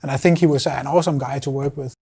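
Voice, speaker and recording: A man's voice: medium pitch, steady tone, fast, mellow, slightly rough. A man in an interview clip, a toy designer explaining fluently and appreciatively.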